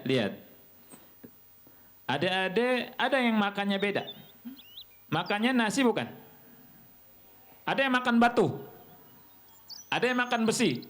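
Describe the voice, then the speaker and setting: A man from Indonesia teaching a religious lesson to children, asking them questions and answering them himself in an animated way. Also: high-pitched, slight background noise.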